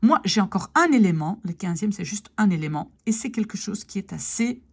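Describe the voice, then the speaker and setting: A woman's voice: mid-range voice, lively intonation, brisk, breathy edge. A woman teaching pronunciation, patiently repeating example words one by one and often checking that her students follow. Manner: asks "d'accord?" and "ok?" to check understanding. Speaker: language teacher. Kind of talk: pronunciation lesson.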